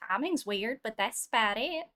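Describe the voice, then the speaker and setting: A woman's voice: a little high, expressive, moderate pace, bright, forceful tone. A woman playing a tabletop game, chatting casually in character.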